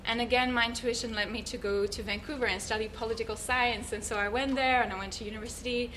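A woman's voice: on the high side, steady tone, quick pace, sharp tone, slight background noise, low-quality recording. Earnest woman telling her story. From Switzerland. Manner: earnest, thoughtful, searching for words. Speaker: guest, yoga teacher. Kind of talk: reflective personal storytelling.

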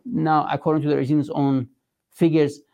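A man with a Persian accent giving an interview as a political spokesman, speaking emphatically and formally, with halting phrasing. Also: fairly high pitch, flat delivery, vocal fry, darkish tone. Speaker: resistance movement spokesman being interviewed.

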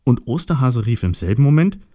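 A man reads a children's story aloud in a gentle, expressive way. His low, mellow voice moves freely up and down at an unhurried pace, and the sound is close and dry. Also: dry recording.

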